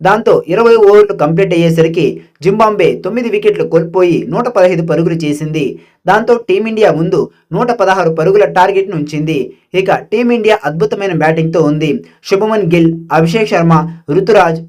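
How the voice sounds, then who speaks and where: High-pitched, fast-talking man narrating sports highlights. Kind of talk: scripted match recap narration.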